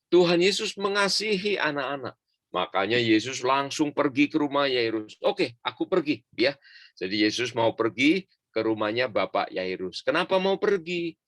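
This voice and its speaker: A male pastor tells a Bible story to children over a video call, bringing it alive by acting out the people and asking the kids to join in. His voice sits at a middle pitch. The sound is dry and close, with no room echo. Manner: lively storyteller, acts out voices, calls for the kids to repeat lines.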